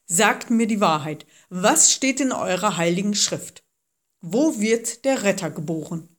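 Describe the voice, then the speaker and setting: A woman's voice: mid-range voice, animated, measured pace. A woman voicing a scheming old king in a storybook reading, with a sly, falsely friendly manner. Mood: commanding. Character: scheming old male king, cunning tyrant.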